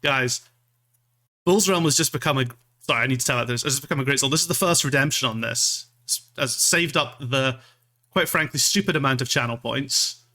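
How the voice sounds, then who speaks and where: A man's voice: mid-range voice, fairly quick, bright, forceful tone. A man from Scotland chatting casually as a livestream host, rambling and self-deprecating, with some casual swearing. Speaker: streamer, VTuber.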